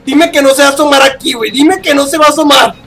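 A man's voice: extremely high pitch, quick pace, a bit bright. A young man with a Mexican accent giving horror gameplay commentary, shrieking in panic and swearing constantly. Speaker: gaming youtuber.

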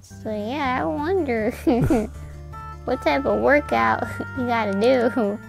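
A woman's voice: on the high side, slow, gravelly, music in the background. A woman co-hosting a gaming video, bantering playfully in casual chat. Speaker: gaming co-host.

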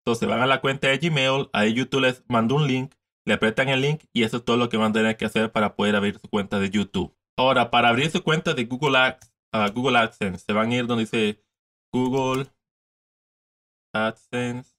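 A man's voice: mid-range voice, normal speed, a bit bright. A man in his thirties giving a casual step-by-step screen tutorial from his desk, repeating steps and mixing in English words. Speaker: tutorial host.

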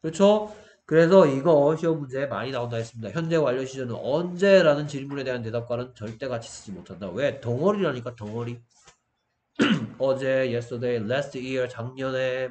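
A male English teacher giving an online grammar lesson, his voice a little strained from shouting, who breaks into exaggerated student exchanges. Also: mid-range voice, slight background noise. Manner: animated, acts out student exchanges in a raised voice.

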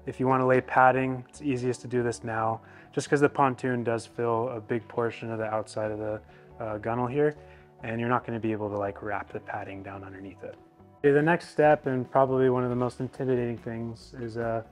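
A young man walking through an installation step by step in a relaxed, explanatory way with frequent fillers, recorded in an indoor garage. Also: medium pitch. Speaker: product installer. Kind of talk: casual how-to walkthrough.

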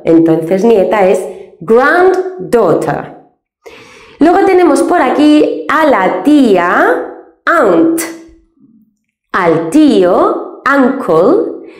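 Woman teacher, patient step-by-step lesson, slow delivery, echoey room. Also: a little high, darkish tone. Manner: patient, explains slowly, uses many diminutives. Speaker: English teacher.

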